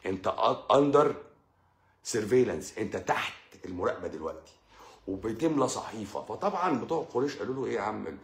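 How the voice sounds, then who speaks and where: Man, Egyptian Arabic accent, religious talk, animated pitch, addresses listener directly, roomy echo. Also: fairly quick. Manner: lively, addresses listener directly, repeats and stammers. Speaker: channel host.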